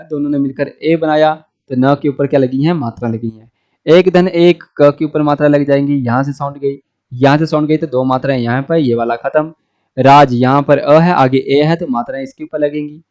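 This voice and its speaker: A man's voice: on the high side, steady tone, normal speed, a little mellow, muffled recording. A man with a Hindi accent teaching a grammar lesson, walking through each example step by step and asking himself rhetorical questions. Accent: Hindi, North India. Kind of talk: blackboard lesson explaining grammar.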